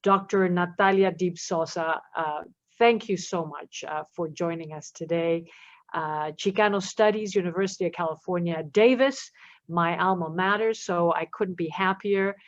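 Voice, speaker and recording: A woman's voice: lowish voice, normal speed, no echo, highs cut off. A woman moderating an academic panel, thanking and introducing speakers with repeated words.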